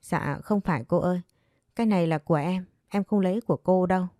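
A woman's voice: fairly low pitch, quick pace, mellow, no room sound, studio quality, faint music behind, natural voice. A woman voicing a timid young servant girl who answers humbly and begs forgiveness. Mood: pleading. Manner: meek, pleading, deferential.

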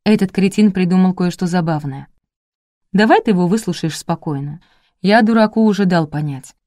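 Woman narrator voicing a gruff male boss, blunt, commanding, loud, dry recording. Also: high voice, normal speed, no echo, lightly acted. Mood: brusque.

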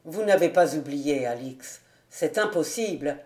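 A woman reading a novel aloud, voicing a proud young male captain in a lower, louder voice with a bitter, sarcastic edge. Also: animated, measured pace. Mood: pained. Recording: roomy home recording.

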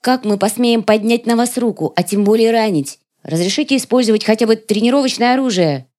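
A man reading an audiobook, voicing young dark elf warrior women who question their queen respectfully and anxiously. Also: high-pitched, brisk, voice pushed up, lightly acted. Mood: respectful uneasy.

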